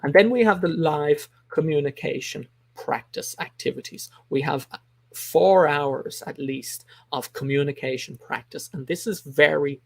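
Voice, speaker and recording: A man with a slightly high, creaky voice speaks at a measured pace, with no echo, while coaching English learners live. He's informal but emphatic and instructive, repeating key points and replying to comments.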